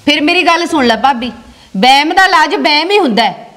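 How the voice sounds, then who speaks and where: A woman playing a sharp, sensible village sister who lectures and scolds firmly, with a Malwai Punjabi accent. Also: sits high, lively intonation, fairly quick. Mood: concerned.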